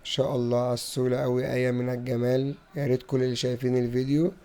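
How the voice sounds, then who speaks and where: Fast-talking Egyptian man, flat dark voice. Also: medium pitch, clear, resonant tone. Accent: Egyptian Arabic. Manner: playful, acts out talks with animals. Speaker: vlogger. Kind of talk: playful storytelling vlog narration. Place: farm in the countryside.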